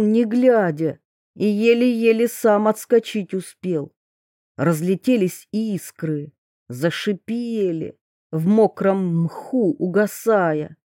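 Woman narrator, audiobook fairy tale, slow, mellow, dry close sound. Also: mid-range voice, no room sound. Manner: measured, storytelling.

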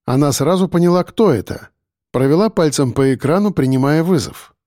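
Мужчина читает аудиокнигу ровно и размеренно. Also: male voice, a little high, animated, fairly quick, dark tone, no echo, studio quality. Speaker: audiobook reader. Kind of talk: scripted audiobook narration.

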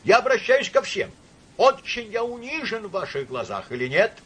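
A man voicing a flustered, drunk older general who stammers and pleads, repeating himself, with a husky voice. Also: high voice, expressive, a little fast, pushed and bright, pitched above the performer's own voice, exaggerated voice. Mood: pleading.

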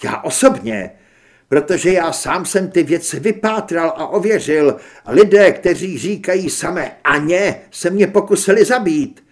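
A male narrator voicing an agitated young reporter who speaks forcefully and indignantly. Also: fairly high pitch, expressive, close to an everyday voice.

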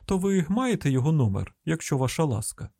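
A man voicing a polite, quick-witted young woman trainee speaking deferentially on the phone, in an audiobook reading. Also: sing-song, vocal fry, dark tone, dry recording, clean studio sound. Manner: raised pitch, sweet deferential phone voice.

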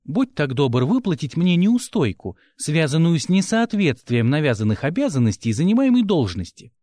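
A man's voice: on the high side, sing-song, normal speed, dark tone, no echo, clean studio sound. A man voicing a stubborn, defiant young woman reporter who argues back in an audiobook. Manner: indignant, argumentative. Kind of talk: audiobook character voice.

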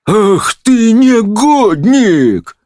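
A man voicing a blustering, pompous judge who roars and drags out his insults in a high, strained voice. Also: big pitch swings, dry recording, clean studio sound. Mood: roaring. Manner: roaring, bullying, drawn-out shouts.

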